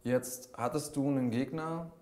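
A man's voice: medium pitch, moderate pace, warm tone. A man hosting a conversational live-stream sports interview, talking at length in an encouraging way. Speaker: combat sports show host, interviewer.

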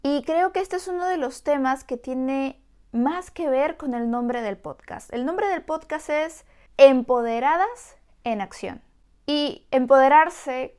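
Expressive woman hosting a motivational podcast. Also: sits high, smooth. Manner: expressive and encouraging, acts out voices of adults soothing children. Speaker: podcast host.

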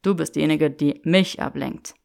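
A woman voicing a lovestruck young wizard, speaking low and wry. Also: moderate pace, gravelly, darkish tone. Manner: murmured, wry.

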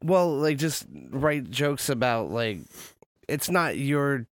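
A man in his thirties who laughs a lot and keeps things loose, chatting with a friend on a couch at home. His voice sits at an ordinary middle pitch, and the mic picks it up close and dry with no room echo. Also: expressive, slow pace. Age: 30s. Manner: laughs often, loose and joking. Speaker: podcast co-host. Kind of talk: casual chat.

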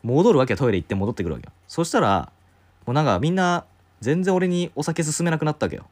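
Man, casual storyteller, rapid-fire delivery, acts out the quoted voices. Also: a little high, expressive, darkish tone. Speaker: podcast co-host telling a story. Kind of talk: casual chat.

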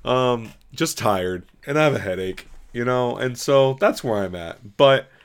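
A man's voice: medium pitch, expressive, measured pace, smooth. A man hosting a podcast, chatting in a loose, rambling way with casual swearing. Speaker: podcast host.

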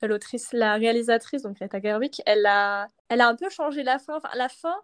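Young french woman rambling on a casual podcast, lots of ums and laughs, kinda high voice. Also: a little fast, clear, resonant tone. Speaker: podcast host. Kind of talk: casual chat.

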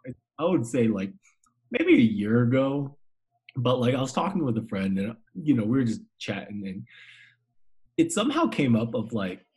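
A man's voice: fairly low pitch, slightly rough. A man in his twenties, hosting a casual chat, slangy and laughing often, repeating words as he restarts. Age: 20s.

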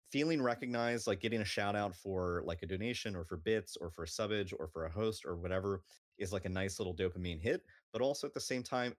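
Deep-voiced man talking unscripted. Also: no room sound, clean studio sound. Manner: thoughtful, explaining with examples. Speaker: streamer on a panel. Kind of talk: natural unscripted talk.

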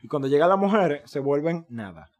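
A young man with a Dominican Spanish accent, co-hosting a podcast and telling stories in slangy, animated casual chat. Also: on the high side, a little fast. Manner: animated, slangy storytelling with swearing. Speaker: podcast co-host.

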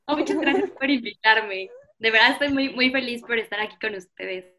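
A woman's voice: fairly high pitch, a little fast, noisy background. A woman in her twenties with a Mexican accent, talking casually as a guest in a podcast interview. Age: 20s. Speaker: podcast guest, visual artist.

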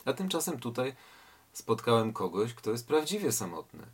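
A man's voice: medium pitch, very animated, normal speed, husky. A man doing a plaintive lonely fisherman. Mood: ashamed. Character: restless, lonely young fisherman.

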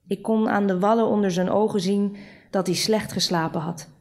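A woman's voice: mid-range voice, fairly even intonation, moderate pace, a little mellow. Woman reading a story aloud. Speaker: reader.

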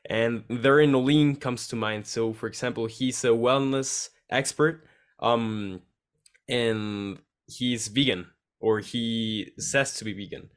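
A man of mid pitch hosting a casual interview. He speaks haltingly, restarting his sentences and searching for words as he goes. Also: fairly even intonation. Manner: hesitant, many restarts.

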